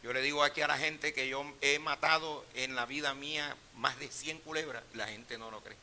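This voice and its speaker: A middle-aged male pastor preaching a sermon, telling personal stories in a hushed voice and rising to loud, emphatic preaching. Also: mid-range voice, steady tone, normal speed, a little hiss or hum.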